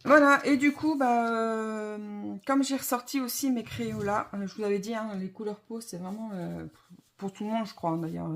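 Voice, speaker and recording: A woman chatting casually to her viewers about her coloring supplies, rambling and correcting herself with lots of fillers and a self-mocking tone. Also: medium pitch. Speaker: vlogger. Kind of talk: casual chat to camera.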